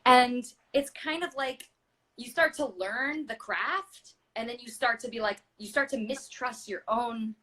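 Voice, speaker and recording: A woman's voice: on the high side, a little slow, a bit bright. A woman in her thirties, a stage actress and singer, chatting casually as an interview guest, full of fillers and acting out quoted voices. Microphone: video call.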